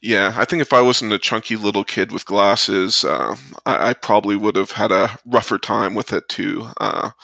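A man chatting casually on a podcast, relaxed with many pauses and fillers. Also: fairly low pitch, creaky, dry recording. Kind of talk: casual chat.

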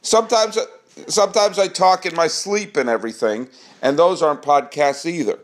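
A man's voice: on the high side, normal speed. A man hosting a casual baseball podcast, joking and projecting as he performs. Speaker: podcast host.

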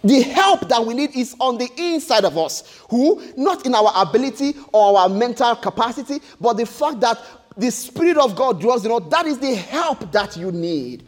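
Male preacher, emphatic sermon delivery, repeats and restarts phrases, very high pitch. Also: sing-song, moderate pace. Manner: emphatic and repetitive, with stammered restarts.

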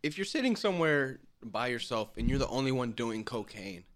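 A man co-hosting a casual group chat, loud and profane, laughing and repeating himself. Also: mid-range voice, very animated, a little fast, background noise. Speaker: podcast co-host.

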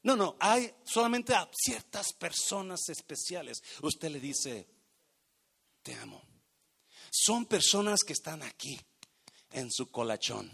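A male pastor delivering a sermon in a lively, animated style. His voice sits a little high for a man. He swings between loud, urging exhortation and hushed, almost whispered moments. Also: unhurried, gravelly, husky.

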